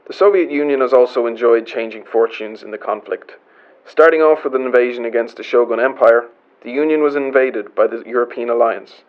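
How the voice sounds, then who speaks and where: A man narrating in the style of an old-time newsreel announcer, with a formal, measured delivery and a lo-fi newsreel sound. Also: medium pitch.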